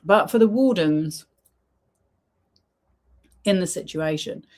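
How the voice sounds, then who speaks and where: Low-voiced woman, slow and chatty. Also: a little mellow. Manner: chatty, many ums, retells with quoted lines. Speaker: streamer reacting to a documentary. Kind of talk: casual commentary.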